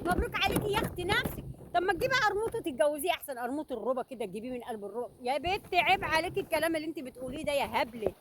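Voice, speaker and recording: A woman's voice: very high voice, noisy background. A middle-aged Egyptian woman with an Egyptian accent, ranting in a scolding, sarcastic, mocking way as a YouTuber. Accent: Egyptian Arabic. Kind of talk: mocking rant.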